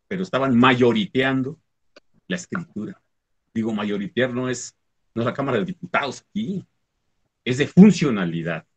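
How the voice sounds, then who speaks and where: A husky-voiced Mexican Spanish-speaking man, a teacher from the Huasteca, talking through how words are said and written. His tone is explanatory and patient, and he keeps pausing to ask whether he is being followed. The voice is a plain middle pitch with a grainy, breathy edge. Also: lo-fi sound. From Huasteca region of Mexico. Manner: explanatory, often checks understanding with "¿sí?". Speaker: Nahuatl language teacher. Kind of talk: conversational talk on language teaching.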